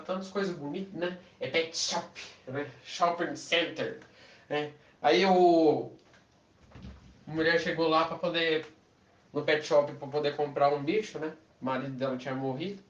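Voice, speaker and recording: A man telling a humorous story in a chatty way, often tagging his sentences with quick questions. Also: on the high side. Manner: chatty, with frequent tag questions. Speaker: lay preacher telling an anecdote. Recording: echoey, distant, dull sound.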